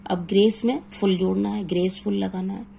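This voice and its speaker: A woman teaching an exam-prep grammar lesson, reading English rules slowly word by word and then explaining them. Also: mid-range voice, fairly even intonation, vocal fry, dark tone, a little hiss or hum, rough recording.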